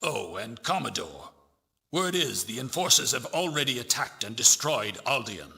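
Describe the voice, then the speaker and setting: A man playing a solemn, authoritative fleet admiral in a video game, giving formal and deliberate briefings. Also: mid-range voice, sing-song, gravelly, pushed and bright, breathy edge, full character voice. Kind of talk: dramatic video game voice acting.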